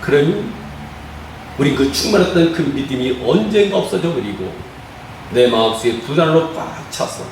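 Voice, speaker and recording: Korean pastor guy preaching, high voice, swings up and down a lot, rhetorical questions, sounds far off in a big echoey room. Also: expressive, moderate pace, vocal fry, a little hiss or hum. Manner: preaching with rhetorical questions, acting out quoted prayers. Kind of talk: sermon.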